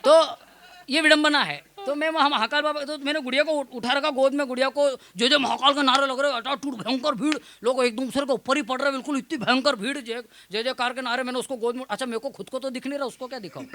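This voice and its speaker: A man's voice: very high-pitched, fast talker, background noise. A young man, a comic poet, telling self-mocking stories and teasing a live audience from the stage. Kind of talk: stage comedy storytelling.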